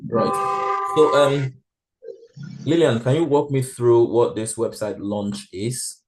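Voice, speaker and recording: A man's voice: medium pitch, takes it slowly, a little mellow, a little hiss or hum. Hesitant man rehearsing as event host. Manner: hesitant, checking details. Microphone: video call.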